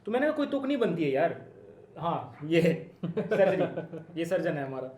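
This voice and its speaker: A man's voice: a little high, big pitch swings, normal speed, a little mellow. A man on a podcast panel, arguing his point insistently in casual talk. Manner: insistent, argumentative. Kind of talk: casual chat. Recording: echoey room with faint noise.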